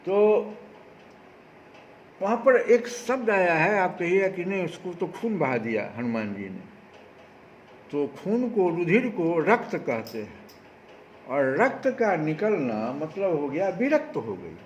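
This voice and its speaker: Guy preaching a spiritual talk, bit high voice, asks the crowd questions, muffled recording with faint background noise. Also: takes it slowly, pauses often, echoey room. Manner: animated preaching with rhetorical questions. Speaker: spiritual speaker. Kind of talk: devotional discourse.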